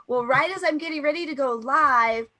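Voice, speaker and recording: Bubbly bright high-voiced woman host. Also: moderate pace. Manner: bubbly, laughing often. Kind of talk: casual morning show chat.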